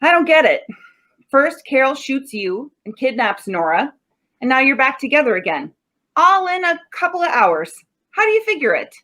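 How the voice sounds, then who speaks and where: A woman's voice: high voice, big pitch swings, normal speed, bright, forceful tone, heavily acted. A woman playing a suspicious, sardonic police sergeant who talks in slang, in 1940s radio drama style. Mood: probing. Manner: sardonic, interrogating.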